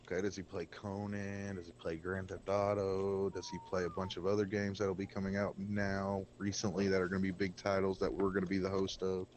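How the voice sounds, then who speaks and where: A man's voice: deep voice, monotone, a little fast, few pauses, darkish tone, slight background noise. A man chatting bluntly and rambling on a gaming stream, talking with a cigarette in his mouth. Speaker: game server co-host. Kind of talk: casual gaming stream chat. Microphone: desk microphone by keyboard.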